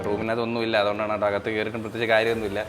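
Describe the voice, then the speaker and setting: A man's voice: on the low side, monotone, rapid-fire, over music. A man, chatting to viewers in a casual home vlog. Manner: chatty, addresses viewers as guys. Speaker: family vlogger.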